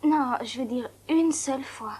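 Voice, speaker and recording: An eager, lonely young patient. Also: female voice, high-pitched, unhurried, a little mellow, breathy edge. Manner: eager, confiding. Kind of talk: French film dub.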